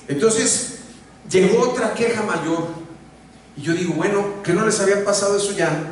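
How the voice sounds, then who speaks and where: A male pastor delivers a lively sermon, acting out complaints with sudden jumps in his voice. His voice sits a little high. It echoes heavily around a church hall from some distance, with a faint hiss underneath. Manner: animated, acts out complaints in a raised voice.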